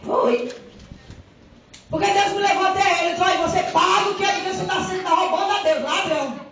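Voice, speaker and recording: A woman's voice: very high-pitched, brisk. Fervent woman preaching in an echoey hall. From Brazil. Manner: fervent, swings from quiet to shouting. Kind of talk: sermon. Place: church hall. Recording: echoey hall from far off, dull with crowd.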